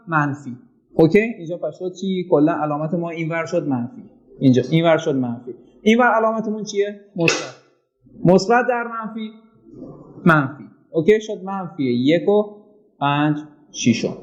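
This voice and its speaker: A man's voice: high voice, highs cut off. A man teaching a math class, asking questions and answering them himself, stretching out words as he dictates definitions. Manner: addresses students as "sir", asks and answers his own questions.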